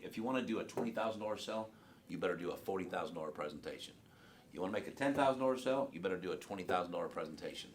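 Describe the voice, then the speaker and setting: A man's voice: on the low side, a little hiss or hum. A man giving a blunt, profane sales training talk to a group in a training room.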